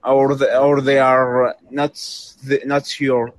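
A man in a casual online voice chat, talking haltingly with many restarts while his internet audio glitches and cuts out. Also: medium pitch, little pitch movement, dry recording. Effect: glitchy, cutting-out internet audio with jumpy pace. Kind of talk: casual conversation. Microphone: computer mic over an online call.

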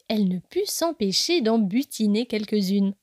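A woman narrating a children's story as a podcast storyteller, reading gently and expressively. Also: medium pitch, lively intonation, moderate pace, dry recording, clean studio sound.

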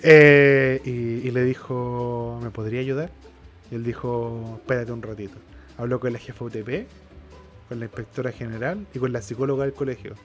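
A man's voice: mid-range voice, fairly even intonation, normal speed, soft background music. A young Chilean man co-hosting a podcast, telling a story in casual chat, acting out the quotes, swearing and laughing often. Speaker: podcast co-host.

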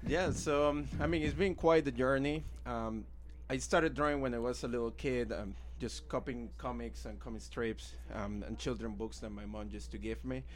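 A Venezuelan man in his thirties from Caracas, a native Spanish speaker with a Venezuelan accent, casually tells his own story as an interview guest. He's an illustrator and art teacher. His medium-pitched voice keeps a moderate pace with hardly any pauses.

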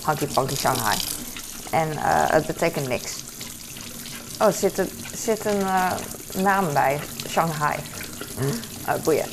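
A woman's voice: deep voice, slow pace, pauses often, background noise. A woman in her forties with a Hong Kong Cantonese accent, chatting casually and rambling while doing household chores. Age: 40s. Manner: rambling, lots of fillers. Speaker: mother.

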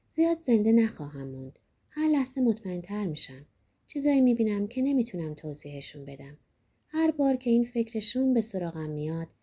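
A woman reading a reflective first-person diary as scripted narration, soft-spoken and often sinking to a near whisper. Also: medium pitch, slightly rough.

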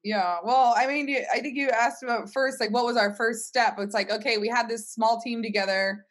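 In an interview, a woman on a startup team casually retells things in an informal, conversational explanation. Her voice is fairly high and fairly quick, with a steady tone.

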